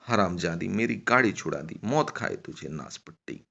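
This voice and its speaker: A furious nomad woman hurls curses in a loud, raised voice, as a male storyteller puts her on, her shouts pushed higher than his gravelly low natural tone. The sound is dull and lo-fi, like a muffled home recording. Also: big pitch swings, moderate pace, exaggerated voice. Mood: cursing. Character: furious foul-mouthed grieving nomad woman.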